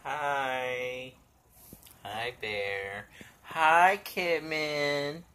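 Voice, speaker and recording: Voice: medium pitch, very slow. A vlogger talking casually while playing with a puppy, swearing freely and calling out playful exclamations. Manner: lively, playfully exaggerated exclamations.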